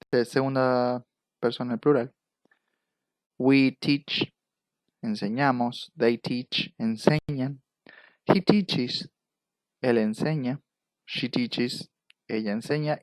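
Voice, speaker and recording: A male teacher with an Argentine Spanish accent walks through English verb forms one at a time in a recorded lecture. He talks slowly and patiently at a middle pitch. The recording is dry and close, with no room echo. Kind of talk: recorded lecture over slides.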